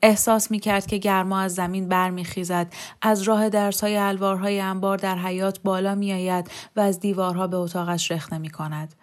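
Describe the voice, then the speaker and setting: Calm woman reading a novel aloud. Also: mid-range voice. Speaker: audiobook narrator. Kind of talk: scripted narration.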